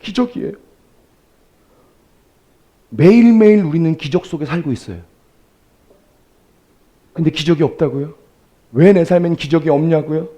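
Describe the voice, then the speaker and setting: A male pastor preaching a sermon, shifting between soft storytelling and loud, emphatic exclamations, asking the congregation rhetorical questions. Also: fairly high pitch. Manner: addresses congregation directly, asks rhetorical questions.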